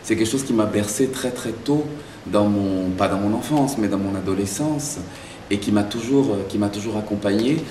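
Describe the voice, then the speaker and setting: A man who grew up in Belgium and Zaire, answering interview questions about his work as a playwright in a thoughtful way, pausing and restarting as he searches for words. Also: lowish voice, dark tone, slight background noise. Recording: echoey room, mic far off.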